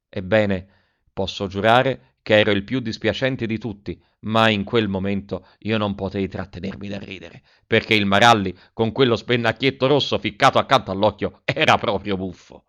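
A man narrating a first-person story in an expressive reading voice, acting out the quoted lines. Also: fairly low pitch. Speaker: audiobook narrator.

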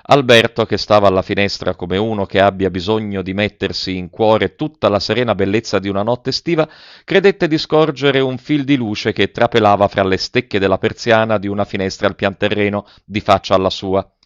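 A man reading a classic novel aloud in measured, tender storytelling narration. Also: on the low side, clear, resonant tone, no room sound, lo-fi sound. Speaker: audiobook narrator. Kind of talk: literary audiobook narration.

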